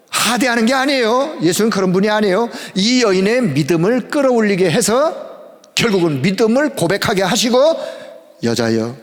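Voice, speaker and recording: A male pastor preaching a sermon in a fairly high, emphatic voice, swinging between ringing declarations and quiet, low asides. The words echo through a large sanctuary with a long reverb tail.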